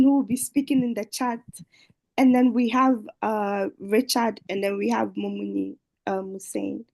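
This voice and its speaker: A woman's voice: a little high, vocal fry, mellow, poor audio. A woman hosting an online dating show over a video call, speaking hesitantly with many fillers. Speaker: host.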